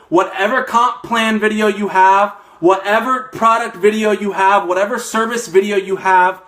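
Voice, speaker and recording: Young guy hyped up on a live stream, kinda high voice, out of breath, keeps saying okay. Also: fairly bright tone. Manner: fired-up, emphatic, repeats "okay?". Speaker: network marketing coach. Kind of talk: motivational live stream talk.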